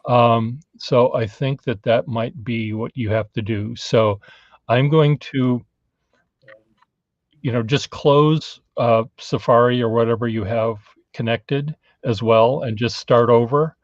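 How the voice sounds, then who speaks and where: A man in his fifties hosting a casual livestream from a cluttered home studio, talking haltingly with many fillers. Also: mid-range voice, fairly even intonation, dry recording. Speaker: livestream host. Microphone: webcam on a video call. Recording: dull lo-fi, dry.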